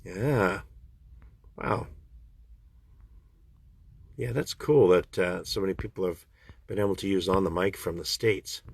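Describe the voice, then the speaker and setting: Livestreaming on his phone, this voice actor from Canada answers fan questions in a relaxed chat. He speaks at a measured pace with a creaky, husky voice and frequent pauses, but gets animated and rises in pitch when excited. The audio is dry.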